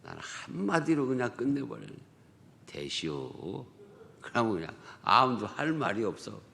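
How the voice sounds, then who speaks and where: With big pitch swings and a gravelly, bright, forceful mid-range voice, a male pastor speaks at normal speed through a dawn prayer sermon. His manner is conversational, in a Chungcheong Korean accent, loaded with rhetorical questions and dialect jokes, and the sanctuary adds long reverb.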